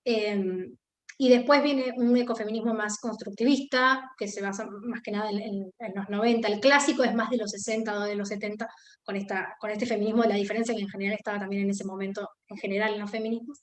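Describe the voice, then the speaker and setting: A woman's voice: medium pitch, fairly even intonation, a little fast. Argentine woman teaching a class, keeps saying eh and restarting, kinda echoey room. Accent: Argentine Spanish. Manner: thinking aloud, many fillers and restarts. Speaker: lecturer. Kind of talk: online class lecture.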